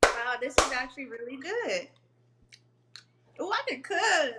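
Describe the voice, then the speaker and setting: A woman guest cook on a live cooking stream, excited and laughing as she tastes her dish. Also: high-pitched, a little slow, heavy background noise. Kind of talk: casual live cooking chat.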